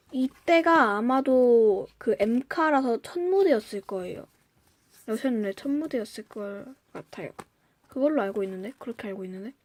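A young woman chatting casually through an unboxing review, gushing and gasping, sometimes dropping to a whisper. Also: a little high. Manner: excitable, gushing, often gasps and drops to a whisper. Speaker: fan vlogger reviewing merchandise.

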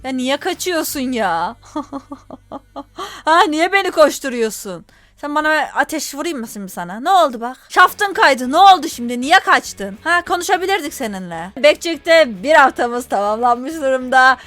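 A woman's voice: high voice, animated, moderate pace, a bit bright, dry recording. A woman gaming YouTuber giving casual, chatty let's-play commentary, teasing the game characters and complaining in mock exasperation.

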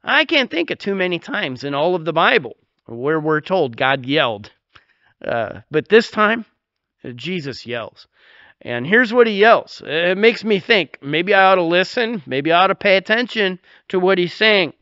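A man's voice: high-pitched, big pitch swings, a little slow, sharp tone, dry recording, muffled recording. A man preaching a sermon as pastor, earnest and folksy, with many fillers and repeated starts, and he rises sharply when he quotes scripture.

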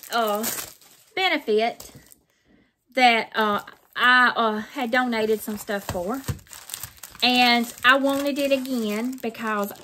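A middle-aged craft vlogger from Mississippi, her Southern-accented voice a little high, pushed and bright, casually unboxes her craft purchases. She rambles in a folksy way and circles back to repeat herself. Noise and crinkling plastic come through from the small, plain indoor room.

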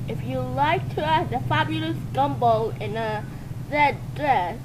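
A woman voicing a cartoon boy cat who hosts a slow, chatty fashion update in a fan-made dub. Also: high voice, noisy background. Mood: upbeat. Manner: slow, chatty host reading shout-outs.

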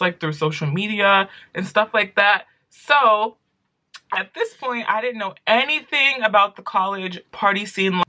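Bright, gossipy young American woman storyteller. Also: mid-range voice. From New York City, United States. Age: 20s. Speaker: vlogger. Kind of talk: casual chatty storytime to camera. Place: small room indoors at home.

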